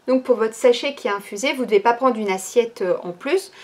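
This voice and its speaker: A woman's voice: a little high, a little fast, darkish tone. A woman presenting new items from her online shop in a casual, chatty way, with lots of fillers and hesitations. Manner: chatty, many fillers like "ben" and "euh".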